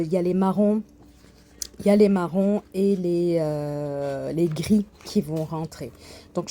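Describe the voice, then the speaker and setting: A woman's voice: fairly low pitch, dark tone. A woman showing her coloring and embroidery work in a casual vlog, full of hesitations and restarts. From Quebec. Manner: hesitant, many fillers and restarts. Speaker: craft channel host. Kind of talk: casual show-and-tell vlog.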